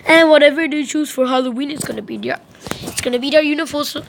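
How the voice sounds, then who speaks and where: A woman's voice: high voice, quick pace, vocal fry, slight background noise, poor audio. A woman improvising a pretend school role-play, speaking as a strict but fair new principal in a rambling way. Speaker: role-play performer voicing a school cast.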